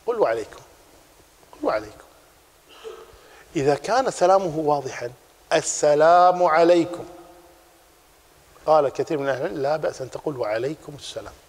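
A man teaching a religious class, explaining a text in a lively way and repeating his key points. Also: on the high side, big-room sound.

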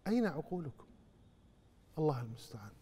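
A man gives a religious question-and-answer lesson, preaching with animation and rising to loud rebukes. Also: a little high, sing-song, quick pace, breathy edge. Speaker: Islamic scholar answering questions. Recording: long hall reverb.

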